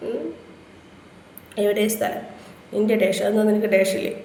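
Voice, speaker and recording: A woman's voice: mid-range voice, level tone, moderate pace, darkish tone. A woman from Kerala, chatting casually on a live stream and trading crude insults with viewers. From Kerala, India. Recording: echoey room, faint background noise.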